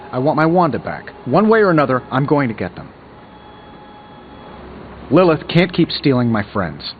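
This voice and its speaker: A man's voice: medium pitch, dull audio, a little hiss or hum, close to an everyday voice. A man playing a cocky, wisecracking armored billionaire superhero in a video game, glib and sarcastic. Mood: exasperated, quippy. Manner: glib, sarcastic, quippy banter.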